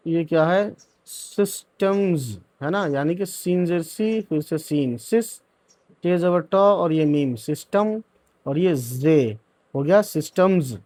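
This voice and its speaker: In a letter-by-letter reading lesson, an Urdu teacher with a fairly high voice breaks words into syllables and then puts them together. He often slips in quick asides such as "theek hai" and "hai na," and there's no room sound.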